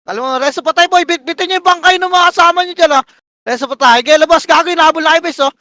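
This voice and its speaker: A man calling shots for his team in live game voice chat, barking rapid commands and countdowns and swearing. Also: very high-pitched, pushed and bright, no room sound. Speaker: team shotcaller.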